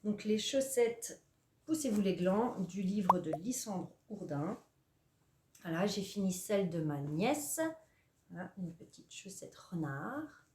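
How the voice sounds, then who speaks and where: A woman's voice: mid-range voice, lively intonation, takes it slowly, warm tone, roomy sound, a little hiss or hum. A young woman hosting a craft vlog from home, chatting casually with lots of hesitations and playful self-mocking asides. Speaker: knitting and sewing podcaster. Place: at home, indoors.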